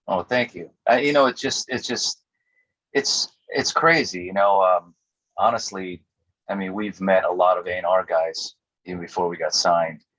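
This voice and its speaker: Husky-voiced man telling lively stories. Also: sits low, normal speed. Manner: animated storyteller acting out quotes, laughs often. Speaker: musician guest. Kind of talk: casual interview storytelling. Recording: dull lo-fi audio.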